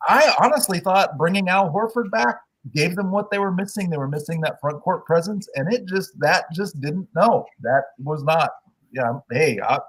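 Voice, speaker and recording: Husky, animated man talking sports. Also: fairly high pitch, poor audio. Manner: animated storytelling, opinionated. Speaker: podcast guest. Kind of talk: casual sports talk.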